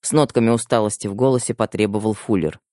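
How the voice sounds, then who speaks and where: A man narrating a novel in an expressive storytelling manner. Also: fairly low pitch, fast talker, no room sound, studio quality. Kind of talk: audiobook narration.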